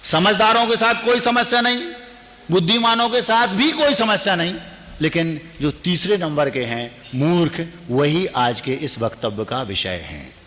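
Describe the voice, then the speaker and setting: A man, a Jain monk, giving a lively, humorous sermon and acting out little household dialogues. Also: sits high, unhurried, in a large hall.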